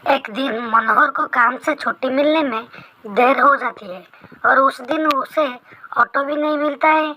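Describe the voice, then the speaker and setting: A woman narrating a Hindi horror story in a steady, suspenseful way. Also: high voice, unhurried, poor audio.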